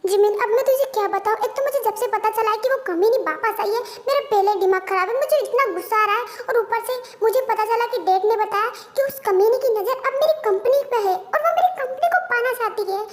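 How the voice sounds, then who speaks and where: A woman's voice: extremely high pitch, fairly quick, hardly any pauses. A woman voicing a blunt, short-tempered young female company owner in an audio story, scolding and ranting. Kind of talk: Hindi fan-dub audio story.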